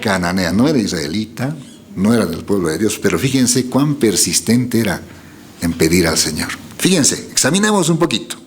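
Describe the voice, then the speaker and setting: A man's voice: on the low side, moderate pace. A male preacher giving a sermon, reading scripture aloud and asking the congregation questions. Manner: lively, rising emphasis on quoted lines. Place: church gathering.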